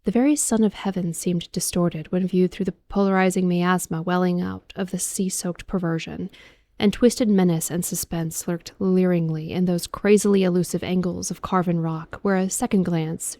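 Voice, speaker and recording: A woman reading a horror audiobook as a calm bedtime ASMR narration, soft, measured and deliberate. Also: on the low side, dry recording.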